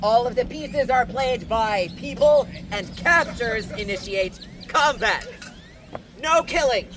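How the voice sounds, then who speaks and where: An actor playing a stately High King presiding over a trial, with formal archaic speech on a faire stage. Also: expressive, takes it slowly, fairly bright tone. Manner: declamatory, formal. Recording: noisy outdoor faire, traffic and animals.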